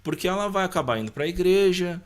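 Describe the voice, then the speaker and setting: An adult man with a medium-pitched voice recounts his own life like a podcast guest, talking casually, animatedly, and fast. He frequently acts out remembered dialogue and slips in little tag questions.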